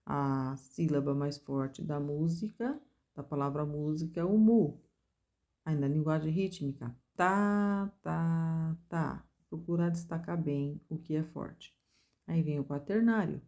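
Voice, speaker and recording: A woman's voice: sits low, moderate pace, dark tone. A woman teaching a music theory lesson, explaining step by step and chanting rhythm syllables to show the strong beats.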